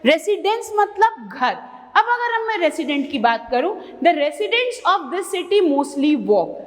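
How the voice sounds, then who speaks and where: An Indian English woman teaches a bilingual vocabulary lesson in a high, bouncing voice. She stresses each word slowly and carefully, then hurries through quick asides. A long reverb trails her voice, as in a large room. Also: big pitch swings.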